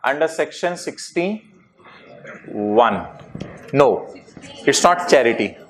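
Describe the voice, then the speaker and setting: A man lectures a tax class in an ordinary mid-pitched voice, joking with the students and slipping English terms into his explanations. A faint hiss runs under the recording. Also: extremely slow. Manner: lively, jokey asides mixing English terms.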